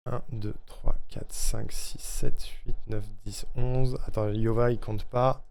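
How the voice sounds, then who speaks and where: A man streaming live, chatting casually and haltingly, thinking out loud with plenty of hesitations. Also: medium pitch, level tone, creaky. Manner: halting, thinking aloud, lots of fillers.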